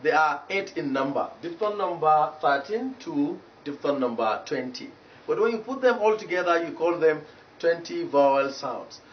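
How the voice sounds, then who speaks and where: A man with a Nigerian English accent teaching English pronunciation in a TV lesson, slowly repeating each example word. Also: fairly high pitch, expressive. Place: TV studio. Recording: roomy echo, distant mic, dull lo-fi sound, faint noise.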